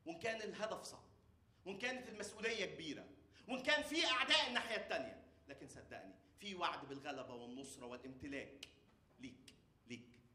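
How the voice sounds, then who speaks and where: Egyptian guy preaching, high bright voice, swings soft to loud, echoey church hall. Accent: Egyptian Arabic. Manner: swings from soft pleading to loud proclaiming, repeats phrases. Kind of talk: sermon.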